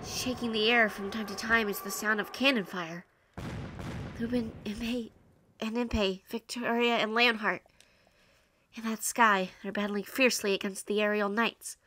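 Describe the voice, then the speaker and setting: A woman's voice: mid-range voice, steady tone, normal speed, sharp tone. A woman hosting a let's play, reading game text aloud and commenting in an informal, reactive way.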